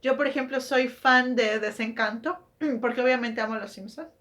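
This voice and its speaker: A woman's voice: a little high, normal speed, fairly bright tone. A woman hosting a book channel, talking casually in a chatty way, correcting herself and asking rhetorical questions. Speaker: book vlogger. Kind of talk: casual explanatory monologue.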